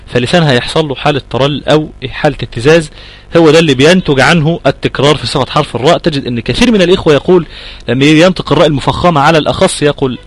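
A man with an Egyptian accent teaching Quran recitation, patiently explaining and repeating points and sounding out letters slowly as he answers student questions. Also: fairly high pitch, poor audio. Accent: Egyptian Arabic.

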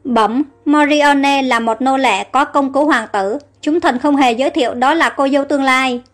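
A dutiful older army captain answering his king in formal, respectful words, read by a woman storyteller. The voice sits high, with faint music in the background. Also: moderate pace, lightly acted. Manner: formal, deferential reporting.

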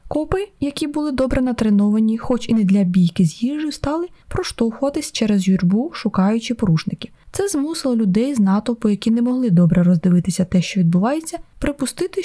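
A woman narrating an audiobook in a steady, lightly ironic reading. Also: a little high, quick pace, few pauses. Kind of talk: scripted narration.

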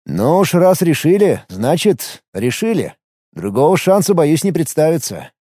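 A man's voice: fairly high pitch, big pitch swings, measured pace, warm tone, slightly rough, no echo, studio quality, heavily acted. A man reading an audiobook, voicing a wry, grumbling man. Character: wry grumbling male violinist.

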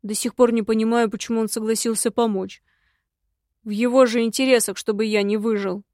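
A woman voicing a secretive, grumbling male imp in an audiobook, speaking slowly and gruffly. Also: fairly high pitch, steady tone, darkish tone, no room sound, clean studio sound, lightly acted. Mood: glum.

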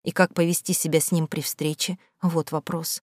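A woman's voice: low-pitched, level tone, normal speed, darkish tone, dry recording, clean studio sound. Woman narrating a first-person audiobook.

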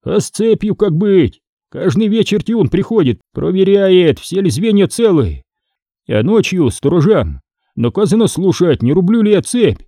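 A man voicing a loud, scoffing blacksmith. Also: high voice, big pitch swings, a little slow, no room sound, clean studio sound, voice pushed up, heavily acted. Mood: grumbling. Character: bold, mocking chained blacksmith master, adult man.

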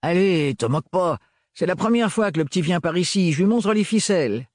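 A man's voice: sits high, lively intonation, brisk, no room sound, clean studio sound, voice pushed up. A man voicing a jovial, sly male servant with a chummy, teasing, slangy way of talking. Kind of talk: audiobook character voice.

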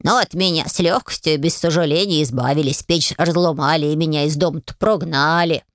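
A woman's voice: deep voice, fairly quick, no room sound, clean studio sound, close to an everyday voice. A woman doing a meek old stove spirit. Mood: earnest. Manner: humble, earnest.

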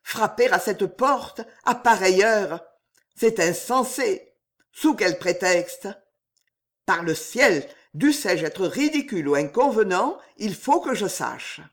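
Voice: medium pitch, lively intonation, slow. A reader voicing a passionate young male knight in an audiobook, speaking in urgent, agitated outbursts. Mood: anguished.

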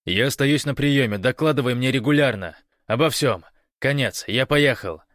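A man voicing a desperate young man who yells commands over a radio, high and loud, in a dry recording. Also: moderate pace, no echo, lightly acted. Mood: commanding. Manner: shouting, commanding.

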